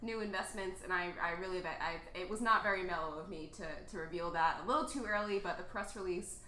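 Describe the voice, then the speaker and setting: A woman improvising a spacey brand manager who rambles, hesitates and keeps calling everything mellow. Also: on the low side, fast talker, echoey room, a little hiss or hum, poor audio. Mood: evasive. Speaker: guest playing a spoof brand manager. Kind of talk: improvised comedy bit.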